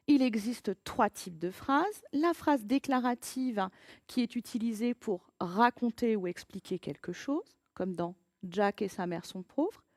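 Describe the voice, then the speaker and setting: A woman teacher giving a recorded grammar lesson to children, patient and encouraging, reading example sentences with lively emphasis. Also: mid-range voice, no room sound, clean studio sound.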